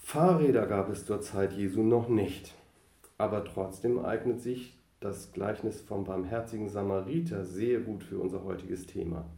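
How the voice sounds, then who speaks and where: A man reading a Bible passage aloud in a measured, formal way. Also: lowish voice, creaky, mellow. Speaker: scripture reader. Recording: roomy echo.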